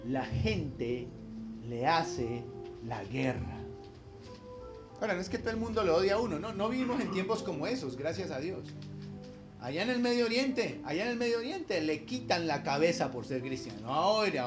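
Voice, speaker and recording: A man preaching a sermon as pastor, emphatic and conversational, with wry asides, over background music. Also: high voice.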